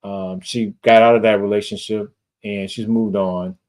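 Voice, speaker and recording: Low-voiced casual man hosting a podcast. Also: level tone, moderate pace, a little mellow. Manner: casual, rambling questions with fillers. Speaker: podcast host. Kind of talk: podcast interview.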